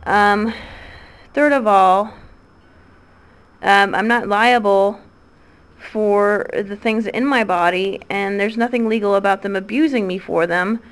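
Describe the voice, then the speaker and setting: In a rambling voice message, a Midwestern American woman in her thirties speaks at medium pitch with a fairly bright tone. She hesitates constantly, filling pauses with ums and starting her sentences over.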